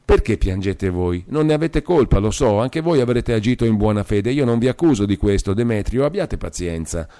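A man voicing a soft, pleading sick woman. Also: lowish voice, expressive, normal speed, few pauses, voice pushed up, lightly acted. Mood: compassionate. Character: ailing woman, soft and pleading sister-in-law.

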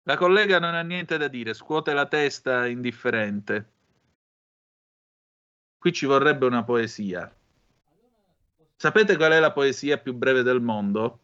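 Male radio host, casual storyteller, mid-pitched, slightly dull lo-fi sound. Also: lively intonation, slow pace, pauses often, fairly bright tone. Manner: rambling, storytelling.

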